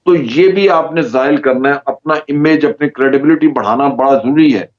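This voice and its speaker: Man, Pakistani Urdu accent, mid-pitched, measured explaining, TV guest, dull lo-fi sound. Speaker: judge as guest analyst. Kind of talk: TV current-affairs interview. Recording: slightly dull lo-fi audio.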